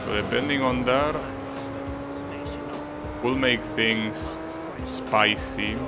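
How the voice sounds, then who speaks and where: Speaking medium-pitched and drawing out his words, an Argentine-accented man muses to his stream chat about his racing game. The tone stays relaxed and casual, and loud music plays beneath him.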